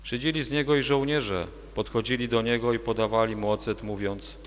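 Male narrator for a church reading, steady, long reverb. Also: mid-range voice, fairly quick. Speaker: narrator of the Passion. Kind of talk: liturgical reading.

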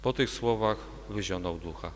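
A man's voice: lowish voice, a little hiss or hum. Man narrating a church Passion reading. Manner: steady, measured narration. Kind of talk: liturgical reading. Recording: long church reverb.

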